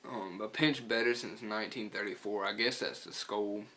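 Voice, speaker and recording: An American man talks with his lip full of dip, chatting casually and profanely in a rambling, laid-back review and storytelling vlog, clearing his throat now and then. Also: lowish voice, normal speed, sharp tone.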